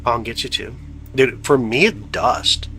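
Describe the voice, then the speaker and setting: A man's voice: mid-range voice, unhurried, sharp tone, faint music behind, rough recording. A man hosting a live telescope stream, chatting casually with viewers in a laid-back, slangy way, his voice stuffed up from congestion. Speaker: livestream host of telescope views.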